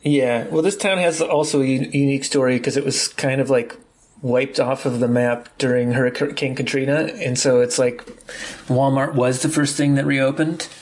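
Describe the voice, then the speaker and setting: A man's voice: mid-range voice, fairly even intonation, normal speed, a little mellow. A man hosting a show, talking in a casual, conversational way as he catches up with a friend. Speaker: show host. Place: remote call from Mississippi.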